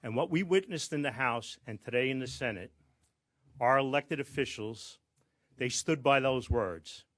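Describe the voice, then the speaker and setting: A man's voice: mid-range voice, expressive, moderate pace, fairly bright tone. A man speaking for fire officers, giving an earnest, rousing prepared speech at a press conference. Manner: earnest, rousing, building to emphasis. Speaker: fire officers' union president.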